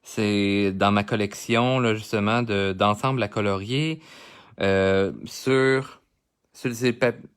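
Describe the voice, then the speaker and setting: Here the instructor's voice is lowish, smooth and steady, and he takes things slowly. With his Québécois French accent, he talks with viewers during a live drawing tutorial as he colors.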